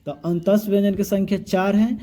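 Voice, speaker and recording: A man's voice: high voice, steady tone, moderate pace, mellow. A male grammar teacher, giving a classroom lesson and repeatedly asking his students questions that he answers himself. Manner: repetitive call-and-response questioning, drills sounds aloud.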